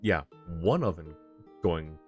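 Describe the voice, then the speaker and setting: A man livestreams a video game, offering casual commentary as he plays in a recording that sounds roomy, with faint music behind him. His voice is low-pitched and darkish, animated yet slow-paced.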